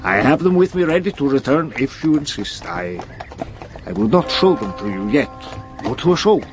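An actor playing an elderly professor in a radio drama, speaking emphatically with halting phrases and sudden outbursts. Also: male voice, mid-range voice, sing-song, music in the background, natural voice. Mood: earnest. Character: elderly male professor, grave and urgent.

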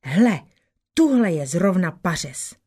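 A woman reading a folk tale aloud, voicing a bossy robber chief who barks out loud exclamations. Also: lowish voice, very animated, slightly rough. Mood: mocking.

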